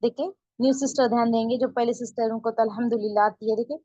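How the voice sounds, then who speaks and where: A woman teaching an online beginner lesson, patiently repeating herself and checking in with her students, drawing out her counting slowly. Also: fairly high pitch, steady tone, dark tone, no echo, rough recording. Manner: slow drawn-out counting. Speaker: Urdu teacher.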